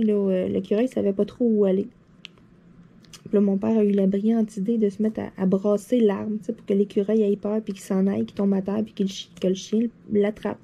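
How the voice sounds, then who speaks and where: A woman with a Québécois French accent, seated at her desk, telling anecdotes to her viewers in a chatty, animated way, full of fillers and laughter. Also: mid-range voice, creaky, slightly rough. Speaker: vlogger. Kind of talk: casual anecdote storytelling to viewers.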